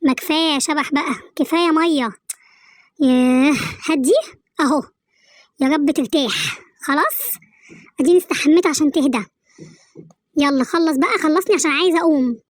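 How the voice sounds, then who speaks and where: A woman's voice: high-pitched, a little fast, pauses often, no echo, close to an everyday voice. A woman voicing a cheeky, bossy female pet in an Egyptian accent, in a comic animal dub, chatty and teasing. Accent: Egyptian Arabic. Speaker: voice dubber.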